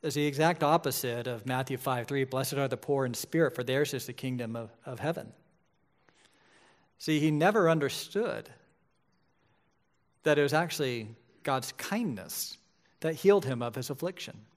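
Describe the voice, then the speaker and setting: Speaking at normal speed with frequent pauses, a mid-range-voiced pastor in his forties gives a conversational sermon. He keeps checking in with his listeners by asking "right?"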